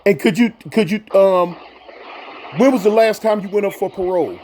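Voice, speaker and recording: Interviewer, male, high voice; casual, emphatic, leans on repeated phrases. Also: normal speed, darkish tone, slight background noise. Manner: emphatic, repeats answers back for stress. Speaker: interviewer, host.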